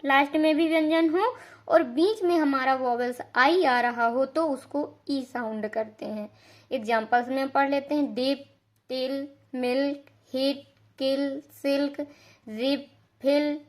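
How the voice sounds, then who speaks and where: A woman teaching English pronunciation rules, explaining slowly and patiently, repeating each rule and spelling out example words. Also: high-pitched. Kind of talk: slow classroom-style explanation.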